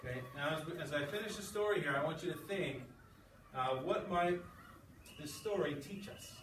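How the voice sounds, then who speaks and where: Reading aloud and talking things over with his class, a male sixth-grade English teacher keeps things informal and regularly checks with his students. His voice is slightly high and his speed normal. He is recorded from a distance in an echoey room with noticeable background noise.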